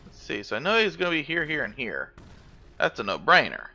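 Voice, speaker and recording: A man's voice: on the high side, big pitch swings, brisk, bright, forceful tone. A man hosting a gaming video, teasing his brother with playful, sing-song commentary as they play. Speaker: gaming channel host. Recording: slightly dull audio with faint music.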